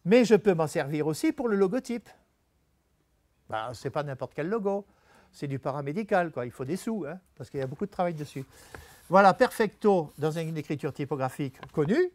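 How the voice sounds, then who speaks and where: A man's voice: on the high side, lively intonation, a little fast, darkish tone, no room sound. A man giving a talk on typography to an audience, explaining step by step and checking in with his listeners. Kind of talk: presentation to an audience. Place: venue talk before an audience.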